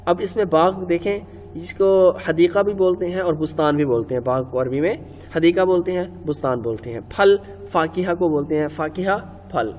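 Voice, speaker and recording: A man's voice: on the high side, a little mellow. A man giving a step-by-step grammar lecture in Urdu with a Pakistani accent, repeating rules and answering his own questions. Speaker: Arabic grammar teacher. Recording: long reverb, faint ambient noise.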